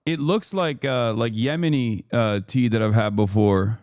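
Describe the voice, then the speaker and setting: A man's voice: medium pitch, measured pace, a little mellow, no room sound, studio quality. A man hosting a casual stream interview, talking in a hesitant way with many restarts.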